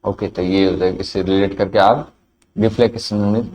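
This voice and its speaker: A man's voice: fairly low pitch, fairly even intonation, moderate pace, darkish tone. A man with a Hindi accent teaching English vocabulary in a classroom lecture, repeating each word and answering his own questions.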